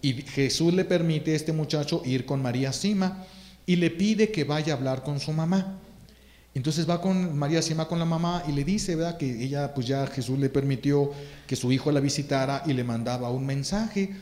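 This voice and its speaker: Fervent priest preaching. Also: male voice, a little high, normal speed, darkish tone, reverberant. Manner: fervent, repeats phrases for emphasis. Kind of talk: sermon.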